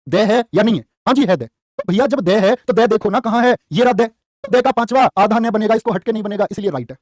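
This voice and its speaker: A man teaching spelling in a lively live class, asking questions and quoting couplets. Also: sits high, quick pace, dry recording, studio quality. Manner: calls students "प्यारे बच्चे". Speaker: Hindi teacher for exam prep. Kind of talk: live online exam-prep class.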